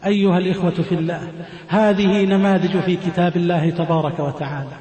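Male preacher, sermon, high voice, even and level delivery, repeats phrases, echoey hall reverb. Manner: measured, repeats phrases for emphasis. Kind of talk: Friday sermon.

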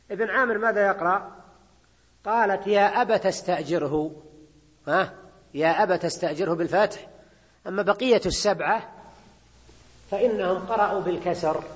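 A man with a husky, fairly high voice gives a classroom grammar lecture. He explains step by step and keeps checking in with his listeners with a quick questioning prompt. His voice trails off into a long reverb. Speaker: grammar teacher.

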